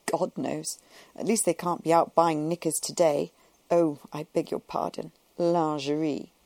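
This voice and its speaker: A woman's voice: deep voice, flat delivery, measured pace, vocal fry, a little mellow, dry recording, full character voice. A woman reading the part of a languid, luxurious society woman who gossips in an imperious drawl. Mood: catty drawl.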